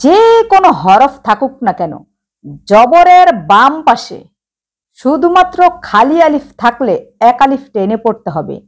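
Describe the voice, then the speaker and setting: A woman's voice: high-pitched, sing-song, unhurried. A woman teaching Quran reading, addressing viewers directly and sounding out letters one by one. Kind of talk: slow instructional explanation.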